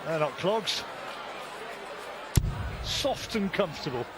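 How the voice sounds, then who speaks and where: Guy commentating live darts, highish voice, chatty short phrases, noisy arena behind him. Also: expressive, takes it slowly. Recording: clear crowd noise behind.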